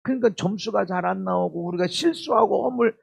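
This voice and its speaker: A male pastor delivers a church sermon in a high, husky voice with a gravelly edge. His pitch leaps around as he moves between loud exclamations and quiet asides. He keeps turning to the congregation with direct questions. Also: animated, fairly quick, muffled recording. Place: church service.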